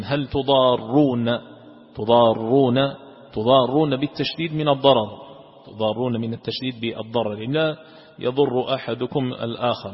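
A man teaching a religious lesson that explains scripture. He repeats key words, rephrases them, and asks rhetorical questions he then answers. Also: medium pitch. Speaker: sheikh teaching Quran commentary. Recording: echoey hall, dull lo-fi sound.

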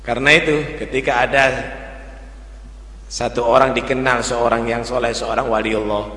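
A man preaching a religious sermon, lively with humorous asides in local dialect. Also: mid-range voice, moderate pace. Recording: echoey hall with long reverb.

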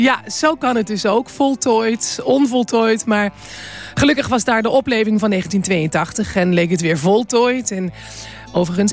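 Wry woman hosting a radio program. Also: mid-range voice. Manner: wry, chatty announcing. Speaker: radio host. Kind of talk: radio presenting.

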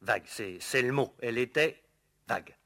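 A man's voice: mid-range voice, lively intonation, moderate pace, pushed and bright. An actor playing a gossipy male household servant in an old radio play, hesitant and full of fillers before tattling eagerly.

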